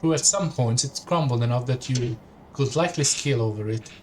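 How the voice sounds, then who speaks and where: A man streaming a story game, voicing its text in second person at an ordinary middle pitch. He reads along and breaks off now and then for a casual comment of his own. A faint hiss sits under the voice. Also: a little fast, darkish tone. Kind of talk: reading a story game aloud with asides.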